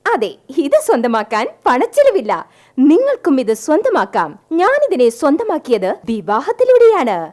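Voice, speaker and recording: A woman playing a bossy wife who pitches her husband like a product in a mock advertisement skit. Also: huge pitch swings, moderate pace, darkish tone. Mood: salesy. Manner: sales-pitch presenter tone, bossy. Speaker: stage comedian.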